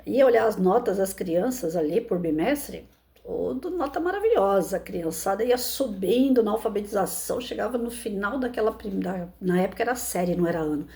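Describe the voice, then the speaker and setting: A Brazilian woman, a schoolteacher, telling a personal anecdote in an expressive, emphatic way. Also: fairly quick, gravelly. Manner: expressive, emphatic storytelling with frequent pitch lifts. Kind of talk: personal anecdote told to listeners.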